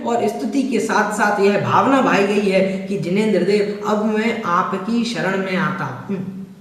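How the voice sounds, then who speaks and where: Slow echoey male scripture teacher. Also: sits high. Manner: slow, deliberate explanation, chants verses. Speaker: religious teacher. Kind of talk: scripture lesson. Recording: echoey room, mic far off.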